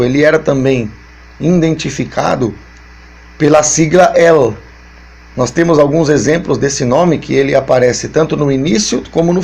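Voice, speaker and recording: A man's voice: a little high, gravelly, a little mellow, breathy edge. A man with a Brazilian Portuguese accent, a pastor giving a Bible teaching lesson, explaining step by step and repeating his points. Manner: explains slowly and repeats points, many fillers.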